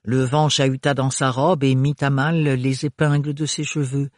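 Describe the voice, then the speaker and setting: A man reading a novel aloud as an audiobook narrator, with steady, measured narration on a close mic. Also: medium pitch, no echo. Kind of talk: scripted narration.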